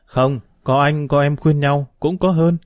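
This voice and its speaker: A man voicing a streetwise, quick-tongued street boy in an audiobook, with teasing, lively banter. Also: on the high side, dry recording, dull audio, close to an everyday voice.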